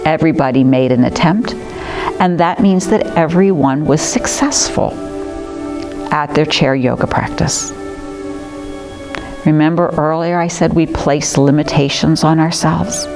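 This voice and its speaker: Slow, soothing woman yoga teacher. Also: low voice. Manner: gentle, encouraging, soothing. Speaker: chair yoga instructor. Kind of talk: guided class instruction. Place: community arts center class room. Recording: music playing behind.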